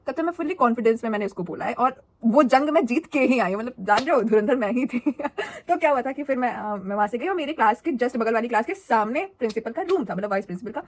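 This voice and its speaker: Fast-talking young woman telling a story. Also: on the high side. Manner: animated, dramatic, chatty. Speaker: vlogger. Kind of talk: casual storytime vlog.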